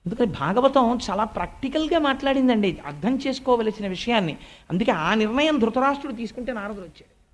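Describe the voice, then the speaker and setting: A spiritual discourse speaker with a notably high voice delivers a devotional sermon, expressive and fast. He tells the scripture story conversationally with polite asides to listeners, acting out the quoted speech of relatives and sages.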